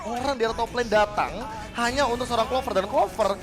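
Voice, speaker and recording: A man with an Indonesian accent giving excited play-by-play commentary on an esports match in long, run-on calls. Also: extremely high pitch, fast. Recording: music behind the voice.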